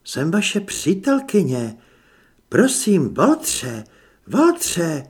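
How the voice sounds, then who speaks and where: A man voicing a frightened young woman who pleads urgently, in a husky voice. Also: a little high, very animated, voice pushed up, exaggerated voice. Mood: desperate.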